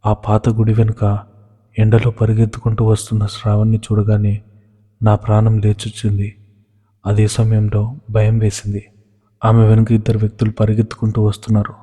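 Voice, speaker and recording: A man reading a scripted first-person love story as narrator, steady and monotone. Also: lowish voice, moderate pace, breathy edge. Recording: long hall reverb.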